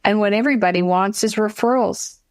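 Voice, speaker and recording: A woman's voice: medium pitch, no echo. Persuasive woman guest, dry close sound. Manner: measured, persuasive, speaks in lists. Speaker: guest, financial advisor trainer. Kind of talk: interview conversation.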